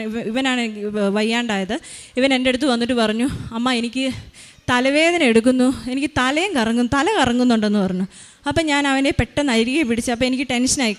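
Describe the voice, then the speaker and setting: A woman in her thirties giving a spoken faith testimony as a mother, retelling events earnestly with many hesitations. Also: on the high side.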